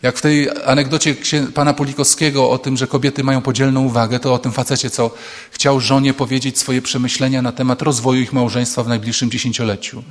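A man's voice: medium pitch, fast talker. Male priest preaching in a reverberant hall. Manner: lively storytelling, acting out quoted voices. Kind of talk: humorous sermon to students. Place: large hall with an audience.

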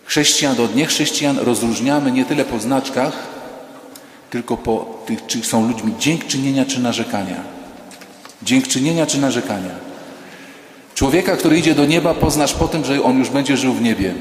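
A man, a priest, preaching a sermon in a lively storytelling way, acting out the voices of the people in his stories with humor. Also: mid-range voice, moderate pace, slight background noise. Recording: echoey church hall.

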